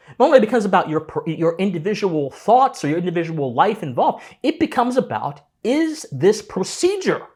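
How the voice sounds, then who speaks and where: A man lecturing on politics with impassioned force, his pitch rising and falling widely. His voice has a husky, slightly breathy grain. He often trips over his words and starts again as he builds his argument. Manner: impassioned, lecturing, frequent restarts. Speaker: political commentator. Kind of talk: solo political commentary.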